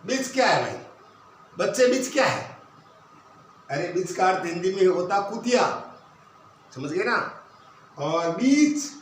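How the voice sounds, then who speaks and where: A man's voice: high-pitched, fairly bright tone, a little hiss or hum. A male teacher giving a grammar lesson. He explains step by step and asks and answers his own questions. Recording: very echoey room, voice from a distance.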